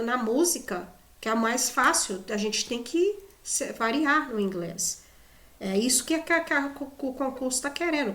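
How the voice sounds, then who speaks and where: A woman's voice: on the high side, a bit bright, roomy sound. A Brazilian woman teaching English in casual Portuguese, chatty, often adding "né?" and restarting words. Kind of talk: casual video lesson.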